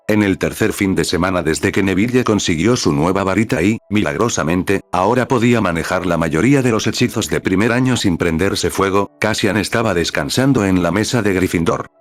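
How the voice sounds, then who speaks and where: A man reading a story aloud in scripted narration with an even, measured delivery. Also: deep voice, no room sound.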